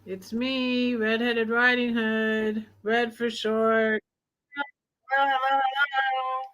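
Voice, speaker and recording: A woman's voice: fairly high pitch, level tone, slow, a bit bright, faint music behind. A woman vlogger chatting playfully on a casual stream, her voice run through an echo effect. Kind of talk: casual livestream chat.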